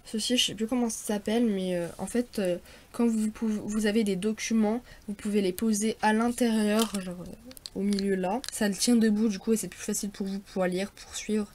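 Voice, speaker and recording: A woman's voice: mid-range voice, fairly even intonation, moderate pace, a little mellow, a little hiss or hum. A teenage girl in a casual vlog, showing her school bag and talking in a chatty, hesitant way with many fillers. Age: teens. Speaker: vlogger.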